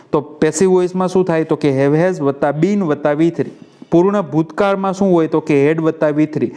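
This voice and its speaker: Man, Gujarati accent, grammar teacher, raised pitch, warm dark tone, question-and-answer drilling. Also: clear, resonant tone. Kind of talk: classroom-style video lesson.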